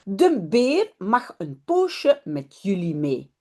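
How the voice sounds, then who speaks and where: A woman teacher voicing a curious, anxious little boy in a children's storybook reading, with her voice rising and falling a lot and a mellow tone. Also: mid-range voice, huge pitch swings, slow, full character voice. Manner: read-aloud childlike questions.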